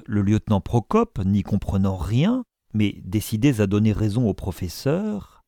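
A man narrating a classic novel as an audiobook, in an expressive, measured storytelling manner. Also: lowish voice, no echo, clean studio sound.

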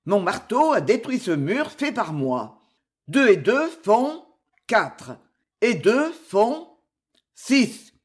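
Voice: mid-range voice, very animated, slow pace, husky, heavily acted. A reader voicing a stubborn old male stonemason in an audiobook, with plain, repetitive, blunt speech. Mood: matter-of-fact. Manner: plain, stubborn, repeats himself. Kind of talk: audiobook character voice.

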